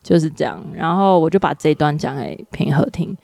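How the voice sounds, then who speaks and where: Gravelly-voiced woman in casual chat. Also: sits low, brisk, mellow, dry recording, clean studio sound. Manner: thoughtful, searching for words. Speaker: podcast co-host.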